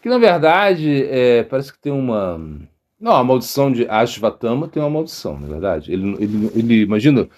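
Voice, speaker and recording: Brisk and very animated, a monk with a medium-pitched, darkish voice tells loose, rambling anecdotes in an informal spiritual talk. He acts out the people he quotes and often laughs.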